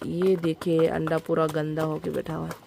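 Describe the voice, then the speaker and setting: This vlogger speaks informally to her audience at normal speed, her deep, dark-toned voice flat and touched with vocal fry. She has a Northeast Indian accent, and the noisy handheld footage follows her through her village home, both indoors and out in the yard.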